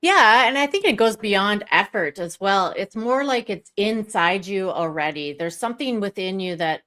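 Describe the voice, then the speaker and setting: A woman's voice: mid-range voice, animated, moderate pace, sharp tone. A woman hosting a motivational live stream in a chatty, conversational style.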